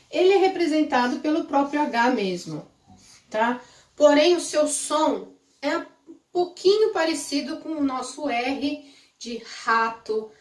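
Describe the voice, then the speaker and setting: A Brazilian woman gives an English pronunciation lesson, speaking slowly and clearly and often pausing to check that her students follow. Her voice sits a little high. She sounds a bit distant from the microphone in a roomy, echoing space. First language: Portuguese. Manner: slow, clear, with frequent "tá?" check-ins. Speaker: English teacher. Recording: roomy echo, mic at a distance.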